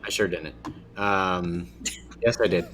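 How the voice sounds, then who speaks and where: A man's voice: low voice, steady tone, slow, a bit bright, a little hiss or hum. A man playing a tabletop game, chatting casually in a tentative, hedging way. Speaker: player.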